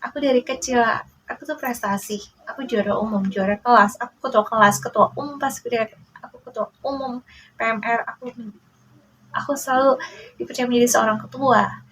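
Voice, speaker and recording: A woman in her forties, a mother speaking in a casual to-camera monologue, emotional and halting, often addressing her listeners directly, indignant and protective. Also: a little high, fairly even intonation, fairly bright tone, a little hiss or hum, rough recording. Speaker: mother sharing a personal story.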